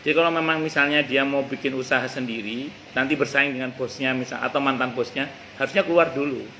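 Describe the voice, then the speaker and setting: Man teaching with a gravelly voice. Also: mid-range voice, fast talker, bright, forceful tone, slight background noise, low-quality recording. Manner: conversational, repeats points, quotes Arabic verses. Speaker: religious teacher. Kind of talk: mosque study-circle lecture. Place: cafe.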